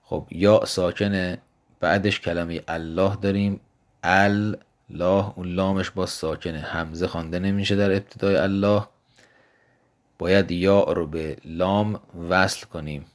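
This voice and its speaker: A man's voice: deep voice, steady tone. A man teaching Arabic grammar in a recorded lesson, patiently explaining and answering his own questions. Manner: slows down to spell out example words.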